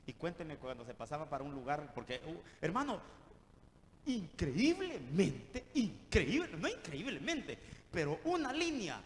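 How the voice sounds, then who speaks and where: A man from El Salvador with a Salvadoran Spanish accent, preaching an animated, jokey sermon and calling his listeners brother. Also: on the high side, unhurried, big-room sound, slight background noise.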